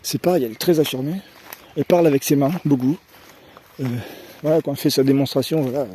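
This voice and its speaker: A man's voice: a little high, fast talker, dark tone, a little hiss or hum. A man from France talking in a casual opinion monologue as a vlogger, rambling on fillers and tag questions and repeating words as he searches for phrasing.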